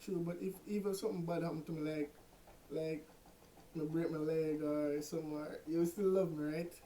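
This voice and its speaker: Mellow-voiced Jamaican young man. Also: fairly high pitch, steady tone, moderate pace, a little hiss or hum. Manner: pleading, coaxing. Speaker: prank vlogger. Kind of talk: casual phone call. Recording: roomy echo.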